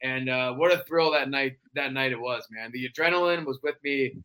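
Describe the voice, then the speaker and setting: A man, a podcast guest, telling wrestling stories in a casual, animated way, acting out quotes with sudden jumps in his voice. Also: mid-range voice, fairly quick, rough recording. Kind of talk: casual storytelling.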